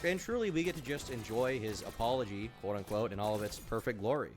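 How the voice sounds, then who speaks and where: A young man streaming and mocking a video in casual commentary, sarcastic and quick. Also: mid-range voice, animated, over loud music.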